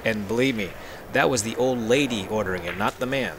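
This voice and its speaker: A man's voice: lowish voice, brisk, a crowd in the background. A man commentating a pool match on a live stream, chatty and joking, telling anecdotes between shots.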